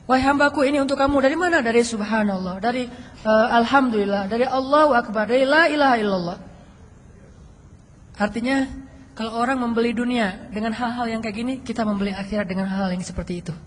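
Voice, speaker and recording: A man preaching a casual youth sermon, telling stories in a playful, animated way with quoted dialogue and chuckles. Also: extremely high pitch, fast. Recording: echoey hall with faint noise.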